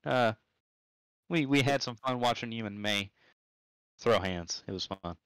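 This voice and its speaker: A man's voice: mid-range voice, unhurried, clean tone, dry recording, poor audio. A man commentating and interviewing a driver in a chatty, stumbling casual way. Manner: lively, chatty, stumbles and repeats words.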